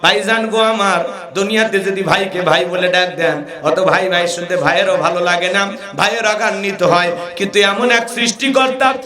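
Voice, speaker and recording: A man preaching a humorous sermon to a large gathering, calling out for the crowd to answer and breaking into shouts and chanted verses. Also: high voice, steady tone, moderate pace, echoey room. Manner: theatrical, calls out for crowd replies, rising into shouts and chanted verses.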